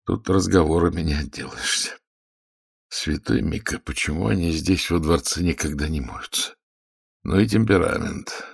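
A man voicing a weary nobleman's inner thoughts in a low muttering tone. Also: moderate pace, creaky, breathy edge, no room sound, clean studio sound, full character voice. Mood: disgusted. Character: weary, disgusted nobleman brooding inwardly.

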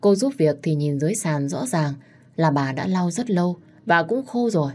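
A woman with a low voice narrates a story in a steady, even way. Her delivery is scripted and calm, reading one line after another. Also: moderate pace.

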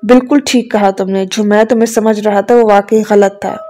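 Woman reading as a curt scornful young husband, cold and bitter, mellow voice, soft music behind. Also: mid-range voice, steady tone, lightly acted. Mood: cold contempt. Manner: curt, contemptuous.

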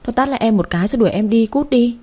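A woman's voice: a little high, a little mellow, voice pushed up, close to an everyday voice. A woman voicing a heartbroken young man who cries and stammers as he talks, in a storybook reading. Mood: tearful. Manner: stammering, whimpering, hurried. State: crying.

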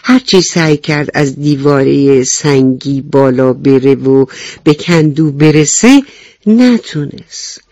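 Gentle woman storyteller reading to children. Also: sits low, no room sound. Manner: gentle, asks the children questions, slow and clear. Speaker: bedtime storyteller. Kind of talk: bedtime story narration for children on radio.

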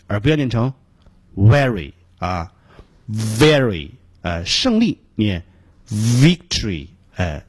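Husky man teaching pronunciation on radio. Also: medium pitch, no room sound. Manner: patient, explains step by step, repeats sounds slowly to demonstrate.

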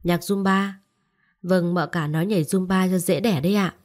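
A deferential young household maid from an audio story, polite and cheerful in her replies, as a woman narrator reads her. The voice stays low and gentle. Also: steady tone, moderate pace, natural voice.

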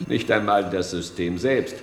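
An actor plays a middle-aged security chief in a German radio drama, using a lowish voice to deliver measured, formal officialese. The character is commanding and polite but guarded, his mood smooth and wary, with slight background noise in the recording.

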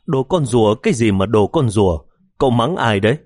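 A man's voice: medium pitch, expressive, darkish tone, no echo, clean studio sound, close to an everyday voice. A male narrator voicing a cranky, mischievous old man who complains and scolds. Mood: indignant. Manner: petulant, quick complaining.

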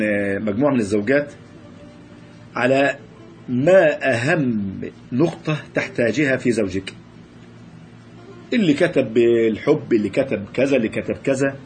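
A man lectures a class on marriage in a lively religious talk, his Egyptian Arabic accent clear as he keeps repeating and restarting words. His voice sits in the mid range, and there is slight background noise.

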